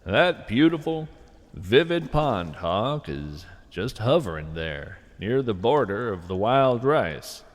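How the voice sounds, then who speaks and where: With a medium pitch and a long reverb tail, a man hosts a scripted podcast of whimsical nature fiction and poetry. His narration is earnest, deliberate and conversational.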